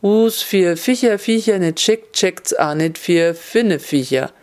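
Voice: medium pitch, takes it slowly, a little mellow, lightly acted. Earnest old dog, read by a narrator.

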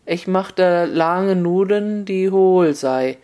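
A storyteller voicing a clever, practical peasant wife in a spoken folk tale, plain and brisk in manner. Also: mid-range voice, warm tone, pitched above the performer's own voice, natural voice. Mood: matter-of-fact.

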